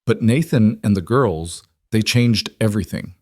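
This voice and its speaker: A man's voice: lowish voice, lively intonation, normal speed, darkish tone, dry recording, studio quality. A man voicing a composed female CEO and young mother in a storybook narration, firm and persuasive. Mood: tender.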